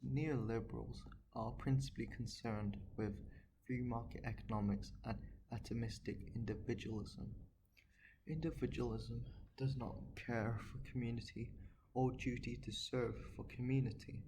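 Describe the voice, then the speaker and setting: A man delivers a measured, earnest solo monologue at a middling pitch. His voice carries a gravelly, creaky texture. A faint hiss of ambient noise sits behind him. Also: fairly even intonation. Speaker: political commentator.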